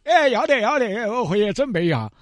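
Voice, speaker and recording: A man's voice: very high-pitched, very animated, brisk, no echo, clean studio sound, pitched above the performer's own voice. A man voicing a nosy, easily impressed elderly villager with a Sichuanese accent and a fawning, exclaiming manner in a comic storytelling skit.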